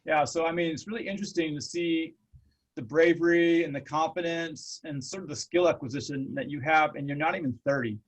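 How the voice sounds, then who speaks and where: A man's voice: a little high, fairly quick, slightly rough, low-quality recording. A middle-aged man, hosting an interview in an earnest, rambling, reflective way. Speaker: host. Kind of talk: casual interview.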